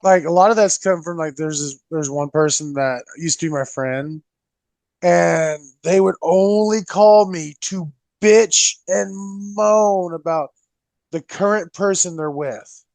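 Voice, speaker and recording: A man's voice: unhurried, vocal fry, a little mellow, no room sound. A man chatting on a podcast, blunt and full of swearing, mimicking other people as he talks. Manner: blunt, profane, swings his pitch mimicking others. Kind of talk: casual chat.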